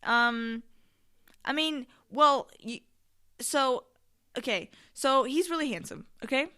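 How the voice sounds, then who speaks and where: A woman's voice: sits high, slow pace, bright, forceful tone, smooth. A young adult woman hosting a casual solo podcast in a candid, slangy, emphatic and rambling way, often swearing. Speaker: podcast host.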